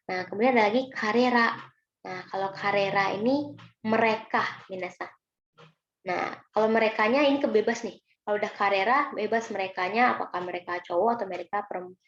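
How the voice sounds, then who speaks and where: Speaking with an Indonesian accent in a medium-pitched voice with vocal fry, a woman teaches Japanese kanji in a recorded online lesson. She's patient and chatty and often addresses her students as "minasan." The recording is roomy, dull and lo-fi, with faint noise.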